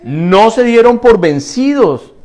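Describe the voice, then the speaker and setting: A man's voice: high-pitched, very animated, takes it slowly, darkish tone. A man preaching a sermon as pastor, asking rhetorical questions and answering them himself, repeating phrases for emphasis and speaking straight to the congregation. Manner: addresses the congregation directly.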